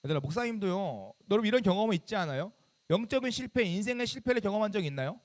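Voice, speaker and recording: A man's voice: sits high, expressive, racing. A man in his thirties, a youth pastor giving a sermon to middle schoolers, talking conversationally and quizzing them with questions. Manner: bursts into loud scolding when acting out his younger self.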